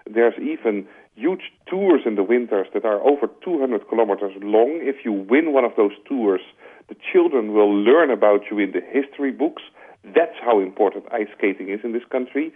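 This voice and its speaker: Over a phone line, a Dutch-accented strategy executive from the Netherlands gives explanatory interview answers in a husky, mid-range voice that's very animated at a moderate pace. His tone is conversational, peppered with "like," and he drives his points home through colorful analogies.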